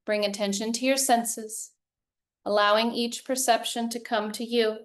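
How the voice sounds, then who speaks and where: A yoga teacher guides a meditation, her slightly high voice calm and soothing as she speaks in measured phrases separated by long pauses.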